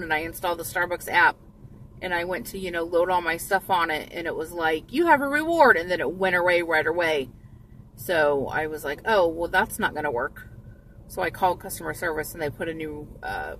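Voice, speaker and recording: A woman's voice: fairly low pitch, fairly bright tone, far from the mic, a little hiss or hum, low-quality recording. A woman in her thirties rambling casually to her phone camera from a parked car, with lots of ums and restarts. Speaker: vlogger. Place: parked car, windows closed. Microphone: phone held at arm's length. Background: faint radio music.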